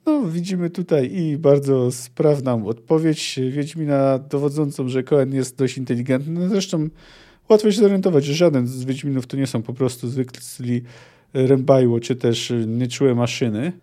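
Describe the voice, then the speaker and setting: A man's voice: mid-range voice, normal speed, dark tone. A man hosting a book review podcast, commenting thoughtfully with frequent hesitant fillers.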